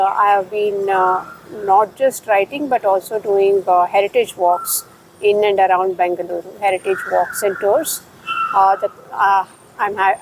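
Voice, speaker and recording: A middle-aged woman from Bangalore with an Indian English accent, a historian guest talking in an interview, pausing often with fillers. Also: mid-range voice, slight background noise, rough recording. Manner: thoughtful, many fillers and pauses. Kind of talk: conversational interview.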